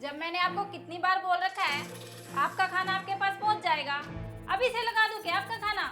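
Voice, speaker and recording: A woman's voice: very high voice, fairly quick, over music. A woman acting a scheming young daughter-in-law in a family drama skit, talking in a curt, dismissive, scolding way. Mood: scornful.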